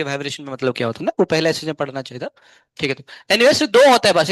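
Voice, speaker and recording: Physics teacher guy, high-ish voice, asks then answers his own questions, dry sound. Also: fairly bright tone, no room sound. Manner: asks questions and answers them himself, then slowly dictates notes. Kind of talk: classroom lecture. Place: classroom.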